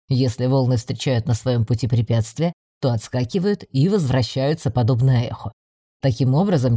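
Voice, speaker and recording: A man voicing a calm, patient young male mage student who explains things gently and teases a little. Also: medium pitch, dry recording, studio quality, close to an everyday voice. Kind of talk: audiobook dialogue reading.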